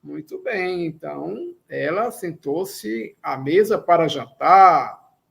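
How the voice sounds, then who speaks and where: Slow, patient Brazilian man teaching. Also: on the high side, lively intonation, creaky, a bit bright. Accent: Brazilian Portuguese. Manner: patient, repeats example sentences slowly. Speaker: Esperanto teacher. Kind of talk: slow classroom explanation.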